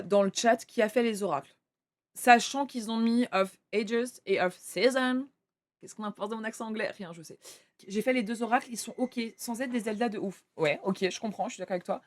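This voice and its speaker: A young woman streaming live, chatting casually with her viewers and swearing offhandedly. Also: medium pitch.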